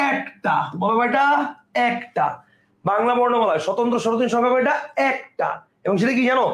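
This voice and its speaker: A man with a Bangladeshi Bengali accent, teaching an online lecture and often asking his students whether they understand. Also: extremely high pitch. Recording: roomy echo.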